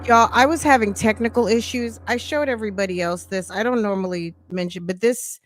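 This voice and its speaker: A woman's voice: mid-range voice, fairly quick, no echo. A woman in her fifties hosting a casual livestream, sassy and playful, thanking her viewers as she chats. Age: 50s. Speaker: podcast host.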